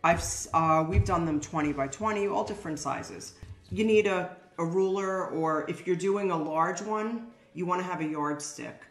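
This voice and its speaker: In her shop's indoor workspace with its brick wall, an older woman demonstrates a craft hands-on, chatting practically and calling her viewers "guys." She speaks in a lowish voice at normal speed as she lays out the steps plainly. Faint music plays behind her, and the room sounds roomy.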